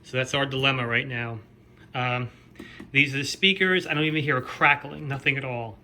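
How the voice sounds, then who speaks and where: A man of medium pitch hosts his own flea market reseller show, walking through products in a casual, unscripted, plain-spoken and matter-of-fact style. His delivery is fairly even in intonation, sharp in tone, at normal speed, with slight background noise present.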